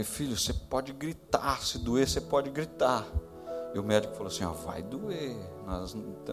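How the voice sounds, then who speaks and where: A man, a pastor, telling a personal story in a sermon, acting out quoted voices high and loud, then dropping to hushed tones. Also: creaky. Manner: drops to hushed tones in tender moments.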